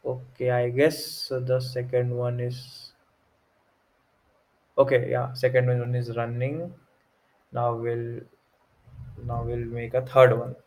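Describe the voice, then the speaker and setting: A young man with a North Indian accent giving an informal tech tutorial, haltingly thinking aloud as he works through the steps. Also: mid-range voice, completely flat delivery, a little mellow, rough recording. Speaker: tutorial presenter. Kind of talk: informal screen-recorded tech walkthrough.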